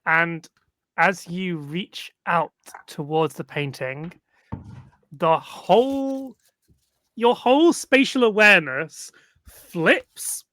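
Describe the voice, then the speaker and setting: A game master narrating a tabletop role-playing game in slow, deliberate bursts with frequent pauses and fillers. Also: medium pitch, a bit bright.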